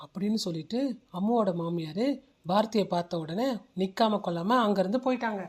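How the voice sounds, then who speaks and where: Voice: mid-range voice, fairly quick, husky. ஒரு கதை சொல்லி கார்ட்டூன் கதையை நிதானமாக விவரிக்கிறார். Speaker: narrator. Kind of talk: storytelling narration.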